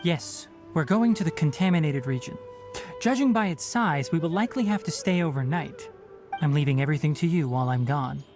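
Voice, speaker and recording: A man voicing a calm, stern young male forest ranger in a game, speaking in a measured, matter-of-fact, slightly dry way. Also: on the high side. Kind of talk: game dialogue voice acting. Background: soft game music.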